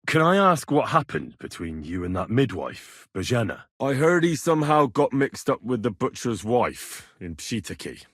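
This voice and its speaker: These are acted video game lines for a young medieval hero whose slightly husky voice is recorded close and dry, with no echo. Earnest yet wry, he mutters to himself and curses freely, his pitch swinging widely. He keeps a moderate pace with hardly any pauses.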